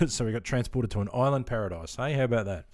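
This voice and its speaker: Here a middle-aged Australian livestreamer talks a little fast in a medium pitch, his voice slightly mellow, with studio-quality sound and no room tone. Easygoing and talkative, he answers viewers through lots of filler ums and keeps addressing them as mate.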